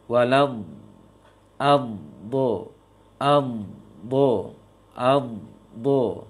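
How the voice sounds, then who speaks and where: An Indonesian man teaching Quran recitation rules in a live lesson, drawing out example words slowly and explaining between them with hesitant fillers. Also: on the low side, vocal fry, darkish tone. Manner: demonstrates letters slowly, then explains quickly with fillers. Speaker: tajweed teacher.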